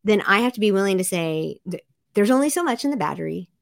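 A middle-aged woman speaking earnestly as a podcast guest, acting out quotes in a lively way. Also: fast, creaky, no room sound, clean studio sound. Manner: earnest, animated, acts out quotes with big pitch jumps. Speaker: podcast guest, life coach. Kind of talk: casual interview chat.

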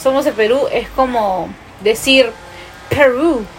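A woman's voice: sits high, normal speed, soft background music. A woman from Peru with a Peruvian Spanish accent, co-hosting a casual podcast and agreeing often while steering the topics. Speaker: podcast co-host. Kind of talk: casual chat.

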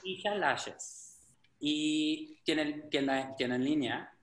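Chatty drag performer, bright voice. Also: male voice, a little high, slow pace, reverberant. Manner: chatty, meandering with many restarts. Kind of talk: casual chat.

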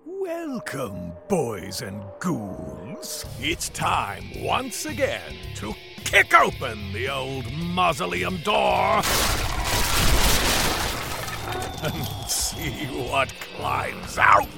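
A man voicing a gleefully menacing Halloween ghoul, a gravelly jack-o'-lantern style horror host giving a theatrical, drawn-out, booming scripted introduction. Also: huge pitch swings, full character voice. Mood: sinister welcome. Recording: loud music under the voice.

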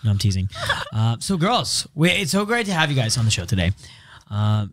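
A man's voice: medium pitch, big pitch swings, fairly quick, dry recording. A man hosting a podcast in casual banter, brash and joking with his guests, swearing freely. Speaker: podcast host.

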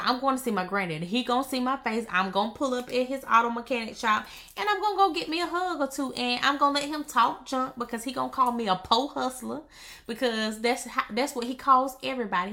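A woman business coach chats casually with viewers on a live stream in a high, bright, forceful voice. Emphatic and playful, she uses slangy, conversational talk and repeats phrases for effect.

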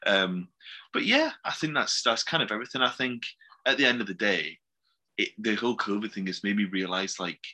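A young man with a slightly low, husky voice that still sounds bright, talking casually with his partner. He rambles and often restarts his sentences. His tone is relaxed and easygoing. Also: brisk. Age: young adult. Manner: rambling, warm, starts over often. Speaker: podcast co-host. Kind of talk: casual couple chat.

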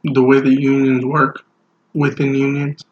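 A man's voice: medium pitch, completely flat delivery, measured pace, slight background noise. Joking man co-host, roomy muffled sound. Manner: joking, eager interjections. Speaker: podcast co-host. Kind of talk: casual chat.

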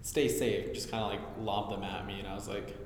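A man in his thirties with a fairly low voice talks casually as a podcast co-host, full of slang and swearing. The sound is extremely echoey with long reverb and a little background noise. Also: completely flat delivery, fast talker. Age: 30s. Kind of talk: casual chat. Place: echoey hard-walled room. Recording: cavernous echo, long reverb, faint noise.

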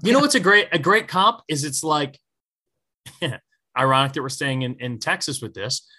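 A man chats about college football on a podcast, in a loose, storytelling way. His voice is bright and forward. He swears freely and acts out the lines of people in his stories. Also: on the high side, lively intonation, moderate pace, slightly rough. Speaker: podcast co-host. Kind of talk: casual sports podcast chat.

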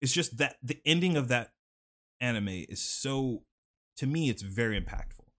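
A man's voice: mid-range voice, lively intonation, moderate pace, fairly bright tone. A young man talking casually on a podcast, drifting through a long story with plenty of fillers and restarts. His studio mic is turned slightly off-axis. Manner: rambling storyteller, lots of "like" fillers. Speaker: podcast host. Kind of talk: casual chat.

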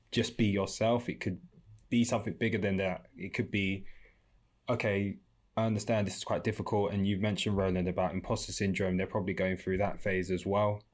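Male host, very low voice, unhurried and careful interviewer. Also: darkish tone. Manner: measured, drawn-out questions. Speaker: podcast host. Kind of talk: casual discussion.

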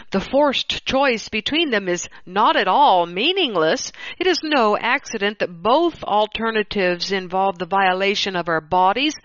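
A woman hosting, reading an opinion article aloud in a measured, deliberate way. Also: mid-range voice, a bit bright, dry recording. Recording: dull, slightly lo-fi dry recording.

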